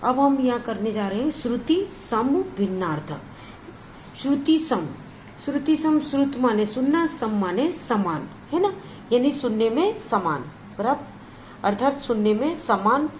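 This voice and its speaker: A woman's voice: on the high side, lively intonation, a little slow, a little hiss or hum, rough recording. A woman teaching a grammar lesson, explaining each point patiently and checking in with her listeners again and again. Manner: patient, repeats words and adds frequent check-ins.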